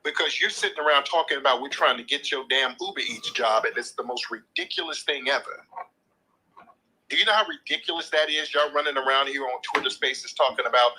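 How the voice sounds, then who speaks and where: Hosting a live call-in show, this man argues combatively and lectures, repeating his points, swearing freely and talking over the caller. His mid-range voice is bright and forceful. The audio is poor, with a little hiss or hum.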